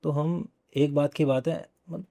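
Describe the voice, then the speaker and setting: A man's voice: fairly high pitch, little pitch movement, gravelly, mellow, no echo, studio quality. A young man, a podcast guest, telling a personal ghost story in a casual way and often repeating his phrases. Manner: repeats phrases, conversational and unhurried.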